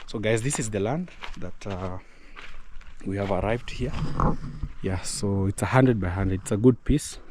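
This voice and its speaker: A man's voice: on the low side, unhurried. A man with a Kenyan accent hosting a casual vlog outdoors in the countryside, explaining things as he goes. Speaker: vlog host. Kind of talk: casual vlog narration and chat. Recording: clearly noisy outdoor recording.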